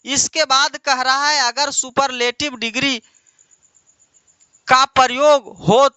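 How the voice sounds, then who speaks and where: This very high-pitched man speaks with fairly even intonation and a sharp, smooth tone, with no room sound. He is from India and gives an English grammar lesson, repeating words at length, asking and answering his own questions, quizzing students call-and-response style and calling them "my dear".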